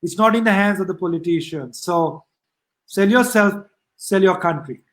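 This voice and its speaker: High-voiced Sri Lankan man, exhorting. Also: moderate pace, a bit bright. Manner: emphatic, exhorting, short punchy phrases. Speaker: guest sales trainer. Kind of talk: motivational closing message.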